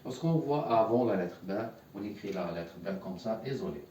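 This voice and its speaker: An expressive man with a lowish, mellow voice teaches Arabic at a moderate pace at a whiteboard, patiently repeating words for learners to echo. Captured from a distance in an echoey room, the recording has slight background noise.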